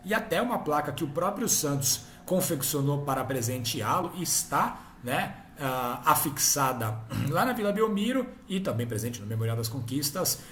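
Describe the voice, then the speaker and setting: A man's voice: a little high, sing-song, moderate pace, fairly bright tone, roomy sound, a little hiss or hum. A man hosting a casual football history talk, chatty and often ending his points with tag questions. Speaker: host.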